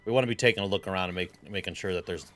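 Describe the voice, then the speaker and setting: A man hosting a let's play, chatting casually as he plays. His voice sits a little low, with quick bursts and easy laughs. Faint game music runs underneath. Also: fairly bright tone. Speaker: gaming channel host.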